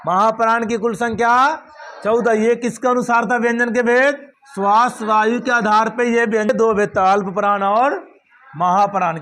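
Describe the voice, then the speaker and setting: A man's voice: very high-pitched, sharp tone, a little hiss or hum. A man teaching a grammar lesson, repeating each point and asking check questions like "understood?" before answering them himself.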